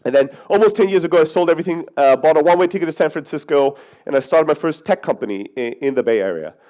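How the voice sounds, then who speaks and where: Slightly high and warm-toned, this man's voice moves at a quick pace. He's in his thirties, from Greece but raised in Germany, and his conference-hall keynote is brash and jokey, with the odd profanity aimed at the audience.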